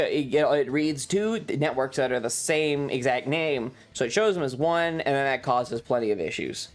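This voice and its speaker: A streamer rambles casually through a personal story, sounding exasperated and swearing along the way. The phrasing is halting and repetitive, delivered at a medium pitch.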